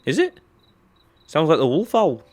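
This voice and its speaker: A man voicing an earnest, eager young man with keen ears, quick to answer. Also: a little high, huge pitch swings, pitched above the performer's own voice.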